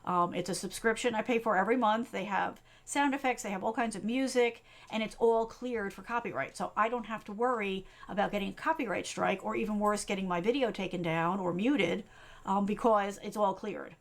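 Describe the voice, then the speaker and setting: Woman from the east coast, middle-aged tech coach, quick chatty delivery, lots of um and right, mid-pitched voice. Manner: fast, chatty, many fillers and tag questions. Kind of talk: live-stream tutorial talk.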